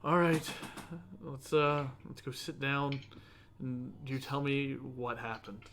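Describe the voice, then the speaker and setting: A man's voice: mid-range voice, level tone, takes it slowly, a bit bright, slight background noise. A man voicing a weary older man who scolds the party in an exasperated, sighing tone.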